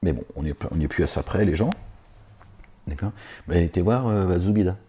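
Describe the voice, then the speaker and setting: Reading scripture and commenting on it, a religious lecturer speaks fairly quickly in a low, mellow, husky voice. His remarks digress, mixing sarcastic asides with hesitant fillers, and his first language is not Arabic.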